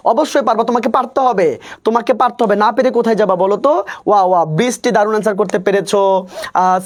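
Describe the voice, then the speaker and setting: A young man teaching English grammar in a live online class, reading out chat comments and repeating himself as he coaxes students and keeps checking they understand. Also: high-pitched. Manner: repetitive, coaxing, constantly checks understanding. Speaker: English tutor.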